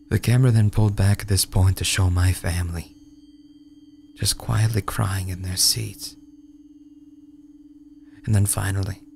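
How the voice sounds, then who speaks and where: A man narrates a dark first-person tale in a low voice with a crackly, gravelly edge. His delivery is brooding and hushed, halting for dramatic pauses. Music plays clearly underneath. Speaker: narrator reading a horror short story. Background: background music.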